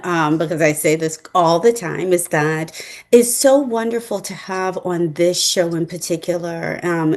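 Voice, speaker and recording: Measured, reflective woman hosting an interview. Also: mid-range voice, a little mellow. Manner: measured, reflective, academic phrasing. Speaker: host and psychologist. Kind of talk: interview conversation.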